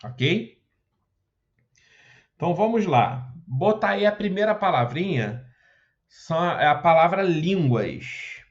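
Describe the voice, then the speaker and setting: A man's voice: fairly high pitch, expressive, slow pace, long pauses, muffled recording. A man teaching Portuguese grammar for an exam, explaining step by step and often checking in with short questions. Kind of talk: exam prep lesson walking through questions.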